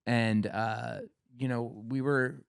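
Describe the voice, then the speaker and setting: A man's voice: medium pitch, fairly even intonation, slow pace, vocal fry, clean tone, no room sound, clean studio sound. A man co-hosting a casual podcast, rambling with fillers and jokes. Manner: rambling, filler-heavy, joking. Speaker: podcast co-host, label founder. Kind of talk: casual chat.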